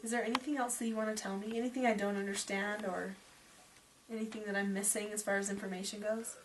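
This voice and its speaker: A middle-aged woman, a parenting teacher, talking calmly and gently with her daughter in a reassuring way. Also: mid-range voice, fast. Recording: recorded from a distance with faint noise.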